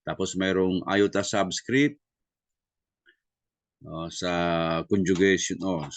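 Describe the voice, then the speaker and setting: A man leads a review lesson in a very low, unhurried voice. He sprinkles in fillers and tag questions and spells out sounds deliberately. The recording is close and dry. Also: steady tone, no room sound. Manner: Tagalog-English mix, many fillers and tag questions. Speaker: Greek class teacher.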